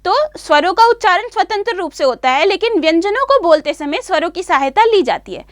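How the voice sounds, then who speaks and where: A woman teaching a grammar lesson for children, slowly and carefully spelling out each sound and repeating the points. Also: extremely high pitch, sing-song, dry recording, clean studio sound.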